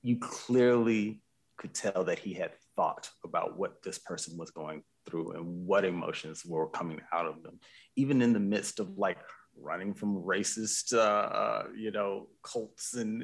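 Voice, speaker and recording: A man's voice: on the low side, normal speed, vocal fry. A man co-hosting a casual podcast conversation, talking reflectively and earnestly with many restarts. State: choked up with emotion. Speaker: podcast co-host.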